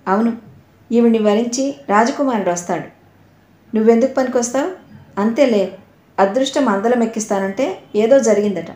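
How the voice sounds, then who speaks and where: A man's voice: extremely high pitch, moderate pace, pauses often, darkish tone. A woman doing a sneering, scornful brother. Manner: sarcastic, scolding. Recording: roomy echo.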